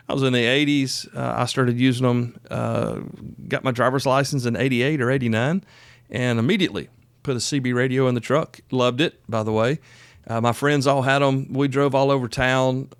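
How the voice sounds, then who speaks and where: A man in his fifties hosts a casual solo podcast in a folksy, chatty way, stressing key points emphatically and drifting into asides. His voice sits mid-range for a man, and the recording is close and dry with no echo.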